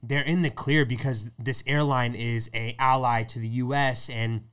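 A man's voice: medium pitch, steady tone, normal speed, fairly bright tone, smooth. A man hosting a podcast in a casual chat, laid-back and slangy, laughing often. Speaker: podcast host.

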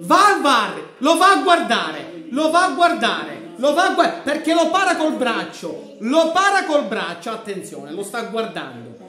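Guy in his 30s screaming over a football match, high voice, slow drawn-out shouts, echoey living room. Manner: shouting excitedly, chanting names, fists pumping. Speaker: football fan streamer. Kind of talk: live match reaction commentary. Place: living room with a grey sofa. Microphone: fixed camera at desk distance.

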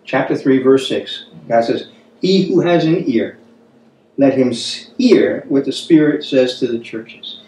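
Speaking a little slowly with lively intonation, this fifty-something man has a medium-pitched, slightly mellow voice. He teaches a Bible study like a sermon, earnest and exhorting, with repeated phrases for emphasis, from a wooden table in a small room. The echoey recording uses a distant mic and carries slight background noise.

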